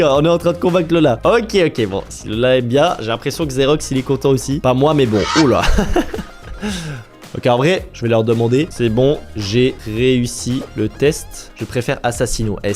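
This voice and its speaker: A man hosting gameplay commentary who talks straight to his viewers, gets excited easily and laughs often. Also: mid-range voice. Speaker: gaming YouTuber host.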